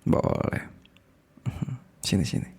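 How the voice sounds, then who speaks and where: A man plays a possessive, smitten male boss in an intimate ASMR roleplay, coaxing and seductive in tone. With an Indonesian accent, he speaks haltingly in a breathy, gravelly, darkish voice, sighing, repeating words and slipping into whispers, lightly acted.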